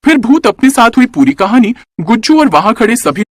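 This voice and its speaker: A man with a high voice narrates a children's story briskly, his scripted delivery expressive and his intonation swooping with energy. It's recorded close and dry, without any echo.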